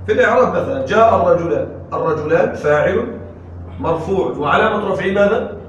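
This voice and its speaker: A man teaches a grammar class and keeps asking his students questions as he goes. His voice sits high. He is caught by a distant mic, and the room's echo is heavy. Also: animated, dull audio, slight background noise. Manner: drills with questions to the students, slow on examples. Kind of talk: classroom lesson. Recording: echoey room from far off.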